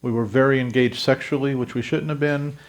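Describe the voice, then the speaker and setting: A man in his fifties from South Louisiana preaches his testimony, speaking straight to the people in the pews. His voice has a gravelly edge and sits at an ordinary pitch for a man. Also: steady tone, brisk. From South Louisiana, USA. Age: 50s. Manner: earnest storytelling, addresses the congregation directly. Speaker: pastor. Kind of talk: testimony sermon.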